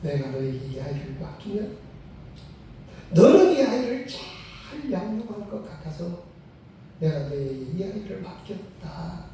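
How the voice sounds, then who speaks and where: A man voicing God, who speaks gently and fatherly to a grieving mother, heard in a very echoey hall. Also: high voice, sing-song, unhurried, slight background noise, heavily acted. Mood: tender. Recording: very echoey sanctuary, mic far off.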